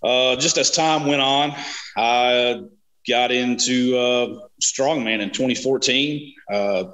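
A man in his thirties from Kentucky, speaking as a guest on a video-call interview in a relaxed way, full of "you know" and "uh". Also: medium pitch, takes it slowly, poor audio. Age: 30s. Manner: easygoing, many fillers like "you know" and "uh". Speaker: interview guest, strongman competitor. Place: small home room. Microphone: webcam on video call.

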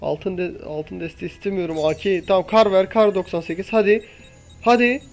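A young man with a high voice talks through his gameplay in casual commentary. He keeps impatiently pleading and coaxing the game. Faint music plays behind him. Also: fairly even intonation, normal speed. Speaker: gaming YouTuber.

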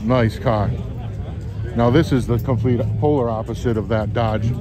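A man's voice: medium pitch, measured pace. Man live-streaming from a noisy car meet. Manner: relaxed, chatty, talks to viewers and bystanders. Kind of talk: casual live-stream chat. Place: outdoor stadium parking lot at a car show. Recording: loud outdoor traffic noise.

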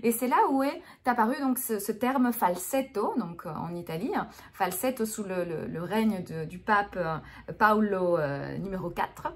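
A woman's voice: mid-range voice, unhurried. A woman speech therapist giving an explanatory lesson on voice, hesitant, with many fillers and restarts.

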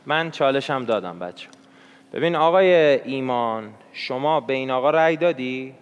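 A man's voice: mid-range voice, animated, smooth, dull audio. A male contestant in a party-game show, insisting he is innocent and challenging others. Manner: insistent, defensive. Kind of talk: heated argument in a party game. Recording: reverberant studio.

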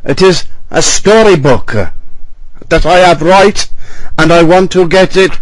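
A man putting on a confused, polite foreign-sounding caller in broken English, halting and full of restarts on a prank call. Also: sits high, no room sound, low-quality recording. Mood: exasperated. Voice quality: broken English, repeats "yes, sir".

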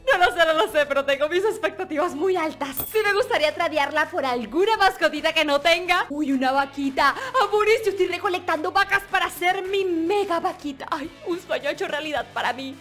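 A young woman hosting a gaming video, commenting excitedly and exclaiming as she keeps addressing her viewers fondly. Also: very high-pitched. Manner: animated, exclamatory, keeps calling viewers "mis amores". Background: faint background music.

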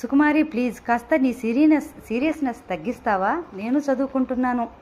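A woman's voice: high voice, fairly quick, a little mellow, slight background noise, natural voice. A woman reader voicing a breezy, teasing young woman student with a flippant manner.

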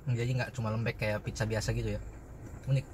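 A man's voice: lowish voice, level tone, fast talker, background noise. A young man chatting casually while eating, his mouth partly full, reviewing food for viewers. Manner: chatty, addresses viewers as guys. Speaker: food vlogger.

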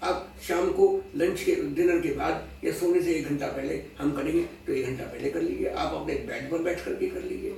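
Gravelly-voiced man explaining patiently. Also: fairly high pitch, fairly even intonation, normal speed, few pauses, mellow. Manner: patient teacherly explaining with everyday examples; mixes English phrases into speech. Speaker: astrology scholar being interviewed. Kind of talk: explanatory interview talk. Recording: echoey room, voice far from mic, faint noise.

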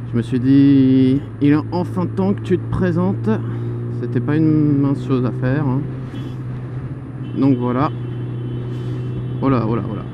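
Chatty twenties motovlogger on the move, dull helmet mic, clear road noise. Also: male voice, mid-range voice. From Paris suburbs. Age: 20s. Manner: chatty, joking, exclaims "oh là là". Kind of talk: casual vlog while riding a motorcycle. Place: motorcycle on city roads. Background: traffic and horns.

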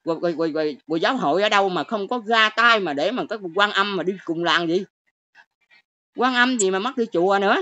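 Scolding her audience in rapid bursts of exclamations, this older woman with a Southern Vietnamese accent rants on a livestream. Her mid-range voice sounds pushed and bright, over dull, lo-fi audio.

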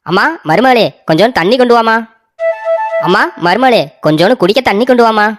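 A woman's voice: medium pitch, lively intonation, a little fast, soft background music, natural voice. A woman voicing a sentimental, doting elderly father in a cartoon story, talking with melodramatic, pleading emotion.

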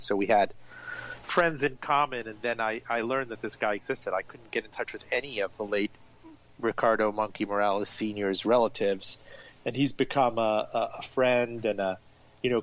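Born in Iran and raised in Miami, this author and journalist in his forties recounts his story as an interview guest, with animated, fluent storytelling and occasional restarts. His voice is lowish, and the recording is rough.

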